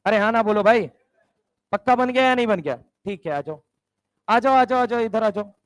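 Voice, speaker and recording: High-voiced man drilling a chemistry class. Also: moderate pace, dry recording. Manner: drills students with repeated questions. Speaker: chemistry teacher. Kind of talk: classroom lecture.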